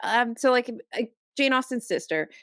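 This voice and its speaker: A woman co-hosting a podcast in casual chat, ranting in an animated, exasperated way with many restarts, close to her microphone. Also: fairly high pitch, normal speed, dry recording. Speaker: podcast co-host. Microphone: close podcast mic.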